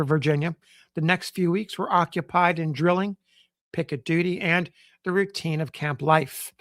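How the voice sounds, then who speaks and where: Guy reading an old newspaper piece on his podcast, steady formal delivery, voice a bit on the high side, no room echo. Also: clean studio sound. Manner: measured, formal reading with occasional stumbles. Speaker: podcast host. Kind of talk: reading a period newspaper sketch aloud.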